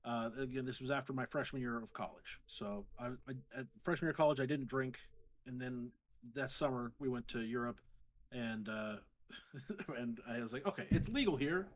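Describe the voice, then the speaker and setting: Casting: man, thirties, standard American accent, mid-pitched, casual podcast banter with halting, self-interrupting delivery. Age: 30s. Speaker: podcast co-host. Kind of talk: casual chat.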